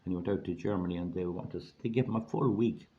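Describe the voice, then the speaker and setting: A hoarse Irish man giving an informal, rambling monologue in a plain-spoken, folksy way, repeating phrases for emphasis. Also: low-pitched, fast talker. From Ireland. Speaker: online video host giving money advice. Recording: dull lo-fi audio, faint background noise.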